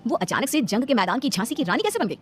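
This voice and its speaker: A woman narrating a cartoon moral story in rapid storybook style. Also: on the high side, big pitch swings, faint music behind.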